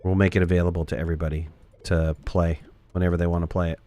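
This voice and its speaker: A man with a slightly low voice chats casually through a live game stream. He jokes with his viewers and answers their chat messages as he plays. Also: level tone, fast talker, warm tone, faint music behind. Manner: chatty, joking, reads chat aloud.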